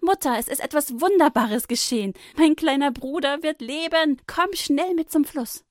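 A woman voicing a young girl, an anxious but brave big sister in a children's Bible story, speaking high and eagerly. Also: moderate pace, no echo, studio quality, close to an everyday voice. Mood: overjoyed. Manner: high, eager, tearful pleading.

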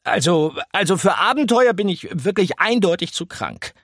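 A man's voice: very animated, normal speed, fairly bright tone, husky, no room sound, studio quality, heavily acted. A man voicing a sickly, fussy male mouse who hates leaving home, in an audiobook. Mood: reluctant. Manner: whiny, indignant, squeaky. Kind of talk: audiobook character voice.

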